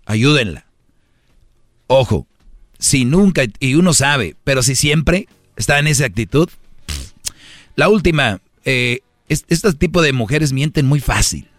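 A man hosts a radio comedy show, rambling through relationship advice in heavy slang and talking straight to his listeners. His voice sits at a middle pitch, and the sound is dry and close. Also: a bit bright, dry recording.

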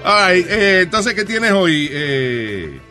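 A man's voice: high voice, very animated, extremely slow. Playful man hosting a comedy radio show. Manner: playful, mixes in English phrases. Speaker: host. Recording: loud music playing behind.

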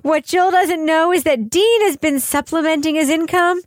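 A woman hosting a podcast, chatty and animated, sometimes giggly. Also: extremely high pitch, normal speed, no room sound, clean studio sound. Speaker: podcast host. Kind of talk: casual podcast chat and read promo.

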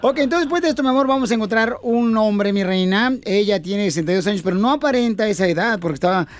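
A man hosting a radio show casually, with a teasing, flattering manner. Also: high-pitched, quick pace.

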